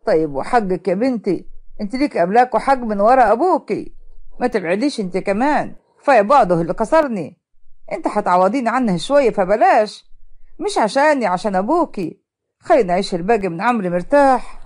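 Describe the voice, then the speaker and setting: A woman voicing a grieving elderly grandfather who pleads in slow, lowered tones, with an Egyptian accent. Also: animated, darkish tone, close to an everyday voice. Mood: sorrowful.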